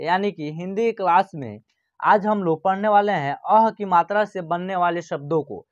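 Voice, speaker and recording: A man teaches an online Hindi lesson for beginners. He keeps checking that his learners are following and stretches out each sound as he spells it. The recording is slightly muffled and lo-fi. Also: high-pitched. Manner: repeats checking phrases, slows to spell out sounds. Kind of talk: online lesson, explaining at a board.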